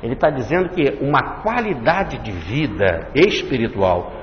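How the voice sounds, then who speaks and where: A man's voice: mid-range voice, sing-song. A man giving a religious study lecture, explaining and listing points one by one. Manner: explanatory, repeats and enumerates points slowly. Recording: echoey hall, dull lo-fi, faint hiss.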